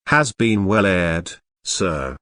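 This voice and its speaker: A man's voice: deep voice, animated, slow, a bit bright, no echo, clean studio sound, voice pushed down, full character voice. A man doing a prim elderly housekeeper.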